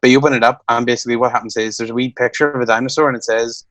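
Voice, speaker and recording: A man's voice: mid-range voice, steady tone, very fast, a bit bright, dry recording. A man, co-hosting a podcast in casual chat, rambling and restarting his sentences and laughing often. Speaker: podcast co-host.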